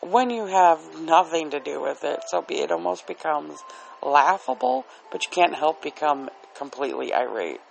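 A man's voice: on the high side, very animated, moderate pace, gravelly, poor audio. A man with a dry throat rambling casually and candidly as a solo podcast host, often putting himself down. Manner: candid and self-deprecating. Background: soft relaxing music.

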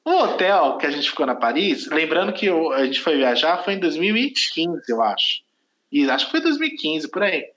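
A Brazilian man with a notably high voice tells a story on a casual podcast. He rambles, trips over his words and corrects himself as he goes. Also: very animated, moderate pace, fairly bright tone, reverberant, poor audio. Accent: Brazilian Portuguese. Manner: rambling, self-correcting, laughs at own story. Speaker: podcast host.

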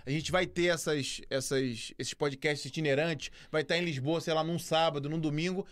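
A man's voice: on the high side, steady tone, normal speed. A man with a Brazilian accent hosting a live podcast, upbeat and teasing in casual chat. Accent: Brazilian Portuguese. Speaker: podcast host.

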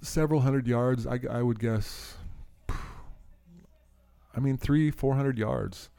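A man telling a story in casual podcast chat, animated, laughing and swearing often. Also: medium pitch, takes it slowly, vocal fry, smooth.

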